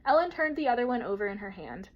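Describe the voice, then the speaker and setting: A woman teacher reading a children's novel aloud in a steady, gentle storytelling manner. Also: fairly high pitch, quick pace, highs cut off.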